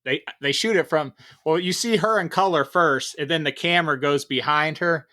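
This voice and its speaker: A man co-hosting a podcast in casual chat, eager and quick to laugh. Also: fairly high pitch, bright, forceful tone. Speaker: podcast co-host.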